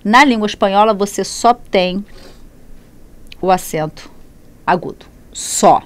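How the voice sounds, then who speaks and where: A Brazilian woman with a smooth, mid-range voice teaches Spanish grammar in Portuguese, taking her time. She's lively in this classroom lesson, repeating herself, correcting her slips, and asking questions she then answers.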